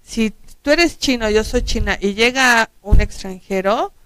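A woman's voice: a little high, a little slow, fairly bright tone, clean tone, no room sound. Mexican woman host giving opinions. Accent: Mexican Spanish. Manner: reacts with short interjections, then gives firm opinions. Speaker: talk-show host. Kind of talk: talk-show chat. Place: small TV studio set, indoors. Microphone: headset mic.

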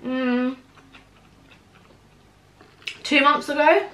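A woman's voice: high-pitched, drawn-out words, sharp tone. A British woman in her twenties chatting casually and emphatically in slang to camera in a mukbang vlog. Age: 20s. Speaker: vlogger chatting while eating. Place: small room at home, indoors. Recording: echoey room.

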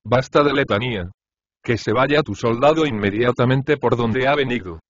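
A man's voice: medium pitch, normal speed, natural voice. A grumpy, sleepy husband, as a man reads him. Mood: grumbling. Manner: grumbling and irritated. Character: grumpy, sleepy middle-aged husband, a prosecutor. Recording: dry, slightly dull audiobook recording.

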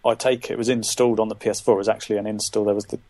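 A man's voice: fairly low pitch, flat delivery, very fast, a little mellow. A man co-hosting a gaming podcast in casual chat, enthusiastic and agreeable. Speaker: podcast co-host.

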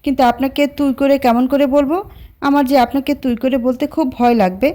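A woman's voice: high-pitched, fairly even intonation, normal speed, warm tone, pitched above the performer's own voice, natural voice. A woman voicing a shy, teasing young woman in love, with a coy, pleading way of talking. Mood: shy, playful.

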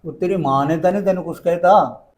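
A man's voice: high-pitched, quick pace, darkish tone, a little hiss or hum, close to an everyday voice. An actor playing a weary, defensive rural father who coaxes and pleads with his daughter. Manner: coaxing, then pleading and defensive.

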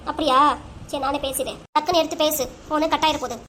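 Fast, high-voiced woman voicing a cartoon. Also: steady tone, slight background noise. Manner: emotional, argumentative family talk. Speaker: voice actor for all the figures. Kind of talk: cartoon voice acting.

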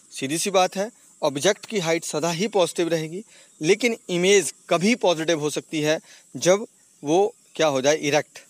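A male teacher explaining slides, who asks himself questions and answers them, and mixes in English terms. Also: fairly high pitch. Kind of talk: slide-based physics lesson voice-over. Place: not on camera, voice over slides.

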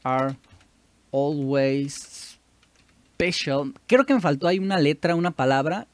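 Unhurried Mexican man thinking aloud. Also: on the high side, dry recording. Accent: Mexican Spanish. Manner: chatty, self-correcting, thinks aloud. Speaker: YouTuber doing language practice. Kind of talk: casual commentary while playing a language app.

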